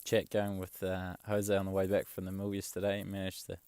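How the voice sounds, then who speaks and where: A young man chatting casually in a vlog, rambling and relaxed, swearing offhand. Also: sits low, a little fast, clean tone, no echo. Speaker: travel vlogger. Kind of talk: casual chat.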